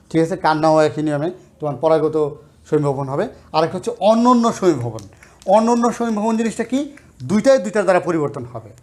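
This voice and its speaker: A man's voice: high voice, darkish tone. A man from Bangladesh, a college lecturer, giving a grammar lesson and explaining step by step, often checking in with rhetorical questions.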